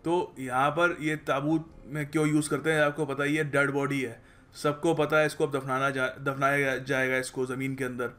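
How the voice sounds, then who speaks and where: A man with an Indian accent teaching English idioms in a conversational way, often checking in with listeners and reading English example sentences slowly and carefully. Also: mid-range voice, level tone, a bit bright. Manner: conversational, explanatory, checks in with "ठीक है". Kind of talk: explaining idioms in a lesson.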